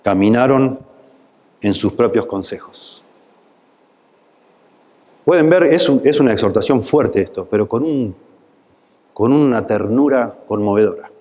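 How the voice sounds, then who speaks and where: A male pastor with a Rioplatense Spanish accent delivers a sermon at a mid-range pitch. His preaching swells into impassioned, pleading peaks. A long church-hall reverb trails each phrase. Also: lively intonation, unhurried, pauses often, mellow.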